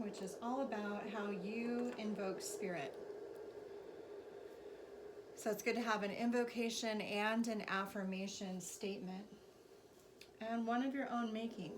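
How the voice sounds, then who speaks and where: A woman teaching a spiritual class and guiding a meditation in slow, deliberate phrases with pauses. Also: medium pitch, fairly even intonation. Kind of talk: guided meditation and spiritual instruction. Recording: clearly noisy recording with background ambience.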